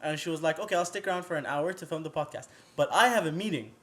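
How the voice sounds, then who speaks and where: Young male co-host with a slightly raised pitch, lively teasing storyteller, talks fast. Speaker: podcast co-host. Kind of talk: casual storytelling chat.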